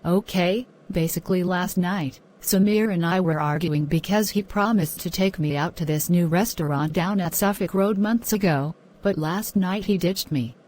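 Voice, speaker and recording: A woman plays a frustrated, hurt girlfriend in a murder mystery film. She gives her statement to police in a somewhat low female voice. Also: moderate pace, few pauses, a little mellow, natural voice, low-quality recording. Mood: upset, resentful.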